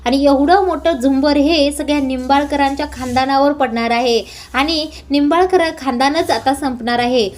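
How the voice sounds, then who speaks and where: A woman's voice: high voice, fairly even intonation, normal speed, a little hiss or hum, natural voice. Woman reading a gloating male villain. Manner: taunting, menacing.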